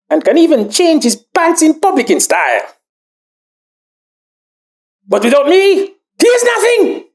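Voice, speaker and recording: A woman plays a preening talking mustache with a high voice that leaps wildly up and down. It drags out its words slowly, then bursts into shouted, self-important boasts. This is a comic monologue full of grandiose rants. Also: full character voice. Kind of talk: comedy sketch monologue.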